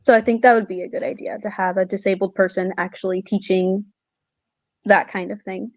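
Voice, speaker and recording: A woman's voice: medium pitch, steady tone, fairly quick, a little mellow, no echo. A young adult woman, a student guest, speaking hesitantly with many fillers. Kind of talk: casual interview chat.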